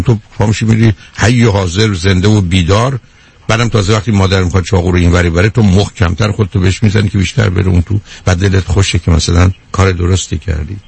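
Calling his caller dear, a radio advice host bluntly lectures her with rhetorical questions during call-in counseling. He has a low-pitched, creaky voice that is a little mellow, with a breathy edge.

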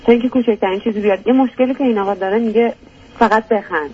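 A woman's voice: a little high, fairly even intonation, narrow, tinny audio, slight background noise. A young woman calling a radio advice show, speaking hesitantly and searching for words as she explains her problem. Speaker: caller. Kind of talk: call-in advice talk.

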